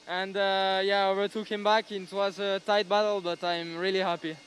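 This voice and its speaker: A young man from France with a French accent, a native French speaker, answering an interview as race winner, halting with many fillers. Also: sits high, flat delivery, a bit bright, a little hiss or hum, poor audio.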